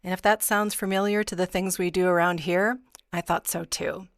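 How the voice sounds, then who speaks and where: A woman's voice: lowish voice, fairly even intonation, normal speed, no room sound, clean studio sound. A woman hosting a podcast, reading a scripted intro and then interviewing her guest in a conversational way. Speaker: podcast host.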